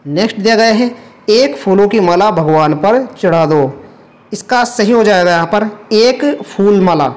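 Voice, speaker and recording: A man with a high, expressive, slightly mellow voice works through a past exam paper at a measured pace. He explains step by step in Hindi with English terms mixed in, patiently repeating each correction.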